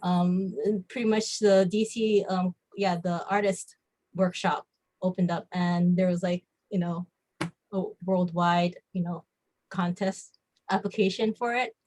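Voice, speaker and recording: On a low-quality recording, a Hawaiian-born American comic book artist talks casually about her life as a podcast guest, often using "like." Her fairly low voice stays mostly even and a little mellow, at a measured pace.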